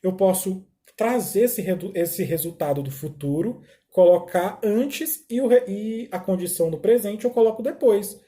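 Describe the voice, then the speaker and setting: With a high, warm voice, a Brazilian man teaches a recorded English lesson. He explains slowly, repeats phrases, and checks for understanding with short "tá?" tags.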